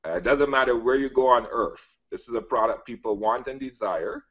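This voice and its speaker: A man from Barbados giving an emphatic sales pitch as a guest, repeating phrases and filling pauses with "you know" and "uh". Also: fairly bright tone. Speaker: guest business presenter. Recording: dull lo-fi audio.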